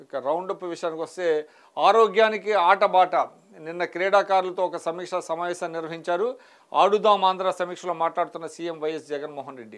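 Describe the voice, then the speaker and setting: A man reviewing the morning's newspaper headlines, reading each item and adding short remarks, with occasional restarts. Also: high voice. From Telugu states of India. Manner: reads headlines then adds brief remarks, occasional restarts. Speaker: news analyst reading headlines.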